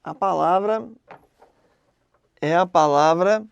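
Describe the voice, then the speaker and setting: A woman teaching an exam-prep grammar lesson in a conversational way, often checking in with quick questions. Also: on the low side, gravelly, smooth, no room sound, lo-fi sound.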